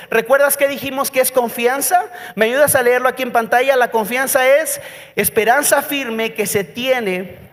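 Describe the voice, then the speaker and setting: A man's voice: extremely high pitch, fairly bright tone. A Mexican man preaching a sermon as pastor, telling a story dramatically and putting questions to the congregation. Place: church. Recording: reverberant church hall.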